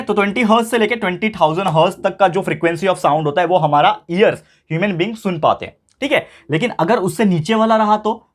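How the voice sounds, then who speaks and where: Young man, science tutor, fairly high voice, online lesson, rhetorical questions, slow repeated key terms, English phrases mixed in. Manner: mixes English phrases into Hindi.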